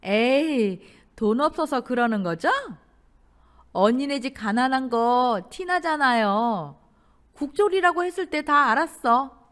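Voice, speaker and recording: A spoiled young sister-in-law in a radio drama, sneering and mocking, voiced by a woman narrator. Her voice sits high, with a bouncy, lively pitch. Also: measured pace.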